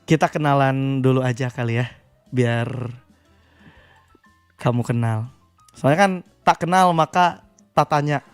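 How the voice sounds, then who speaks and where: A man's voice: medium pitch, measured pace, long pauses, clean tone, faint music behind. A young man hosting a live radio matchmaking call-in, joking and teasing the callers. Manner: teasing, jokey, bursts into hype when announcing. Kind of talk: playful live call-in banter.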